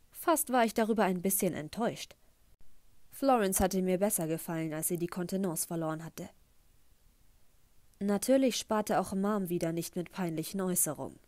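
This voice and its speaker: A woman narrating a first-person audiobook in a measured, even storytelling manner. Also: fairly low pitch, no echo. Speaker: audiobook reader.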